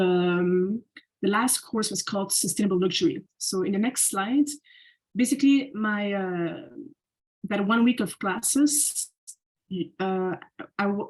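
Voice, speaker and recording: A young Belgian woman, appearing as a podcast guest speaker, walks through a slide presentation casually, with lots of "like" fillers and restarts. Her medium-pitched voice is a little mellow, and the recording is rough.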